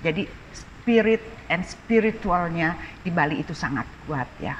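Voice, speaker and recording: A woman's voice: on the low side, animated, measured pace, highs cut off, slight background noise. Middle-aged woman, Sundanese accent, chatty art dealer, recorded in a reverberant hall. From Bandung, Indonesia. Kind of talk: casual interview.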